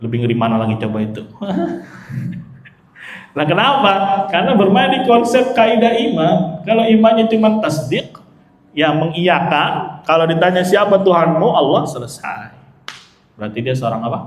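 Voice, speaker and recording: A man's voice: high-pitched, sing-song, normal speed, pauses often, reverberant. A man giving an Islamic study lecture. He asks his audience questions and answers them himself, with chatty, joking asides. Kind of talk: religious lecture.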